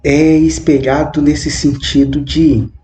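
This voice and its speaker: A man in his twenties giving a reflective spoken monologue, with halting, measured phrasing and frequent questioning tag words. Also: fairly high pitch, level tone, dark tone. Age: 20s. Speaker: channel host. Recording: roomy echo with faint background noise.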